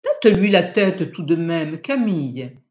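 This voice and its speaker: A tense young husband frets over his frightened cat, his words coming out sharp and insistent, as a reader puts him on. He speaks slowly and pushes his voice up, louder than the narration around him. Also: on the high side, very animated, dull audio. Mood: anxious.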